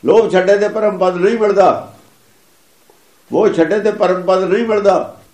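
A man's voice: high-pitched, steady tone, a little slow, darkish tone, roomy sound. A man giving a sermon that explains scripture, repeating and chanting its lines with emphasis. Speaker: religious preacher.

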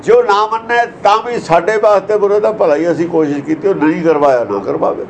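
A man's voice: high voice, fairly quick, gravelly, slight background noise, low-quality recording. A man giving a religious discourse that explains verses, lecturing earnestly and asking many rhetorical questions. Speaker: preacher.

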